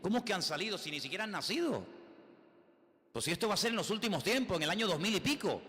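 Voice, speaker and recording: A man's voice: sits high, big pitch swings, fast, a bit bright, big-room sound. A man with a Spain Spanish accent preaching a sermon as a pastor, emphatic, full of rhetorical questions and repeated phrases.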